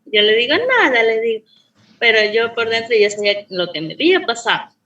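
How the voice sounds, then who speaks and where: A woman's voice: fairly high pitch, fairly quick, roomy sound, dull audio. A woman student telling a personal story in class, acting out the dialogue of the people in it. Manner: animated storyteller, acts out quoted dialogue. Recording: voice from a distance off the mic.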